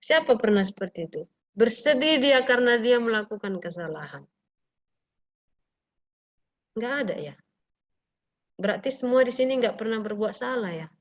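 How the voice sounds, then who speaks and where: Lively woman teacher questioning a class. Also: on the high side, normal speed, pauses often, muffled recording. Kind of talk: online class lesson.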